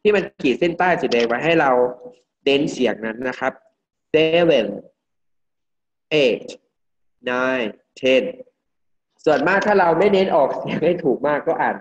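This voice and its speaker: A male English teacher from Thailand giving a classroom pronunciation lesson, drilling words slowly and repeating each one for the class. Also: fairly high pitch, animated. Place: classroom with students. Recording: dull lo-fi classroom recording.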